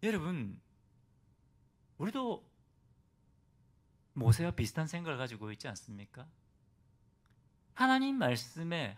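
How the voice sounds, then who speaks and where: High, animated man preaching a sermon. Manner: asks the congregation rhetorical questions; acts out biblical voices in quotes. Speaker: pastor. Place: church service.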